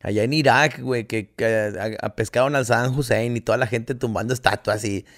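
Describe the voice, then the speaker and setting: Middle-aged mexican podcast host, crude joker, mid pitch, acts out quotes. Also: male voice, steady tone, fairly quick. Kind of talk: casual chat.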